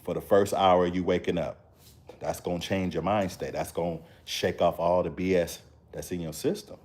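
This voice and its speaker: Low-voiced man, emphatic motivational vlogger, repeats himself for effect. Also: steady tone, moderate pace, darkish tone. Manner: preachy, repetitive, emphatic. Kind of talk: casual motivational talk to camera.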